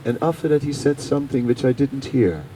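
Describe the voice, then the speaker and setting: A man telling his life story to an audience as an animated storyteller who often laughs and pauses with fillers. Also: medium pitch. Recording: noisy live talk recording.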